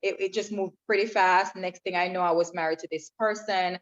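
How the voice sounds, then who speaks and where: A Jamaican woman speaks in a lowish, steady voice at a fairly quick pace. As a podcast guest, she shares her personal story earnestly and reflectively in an interview. The recording has a dull, lo-fi sound.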